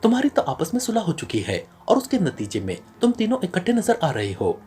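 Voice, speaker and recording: A man voicing a stern, sharp-witted male secret agent, reading in a serious tone from an audio novel. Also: high-pitched, huge pitch swings, brisk, faint music behind.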